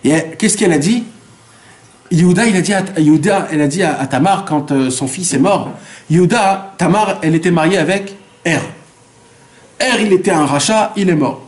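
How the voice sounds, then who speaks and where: A high-pitched male rabbi gives a Torah lesson at a moderate pace. He raises rhetorical questions only to answer them, repeats phrases to stress them, and weaves Hebrew terms throughout.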